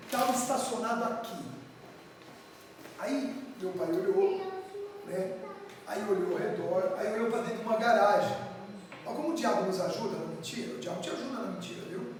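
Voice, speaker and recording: A woman preaching from São Paulo, Brazil, telling her testimony to the congregation with lively acted-out dialogue. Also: on the high side, slight background noise. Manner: animated storyteller acting out dialogue, addressing the congregation. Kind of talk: sermon storytelling. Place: church hall. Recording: echoey church hall, distant mic.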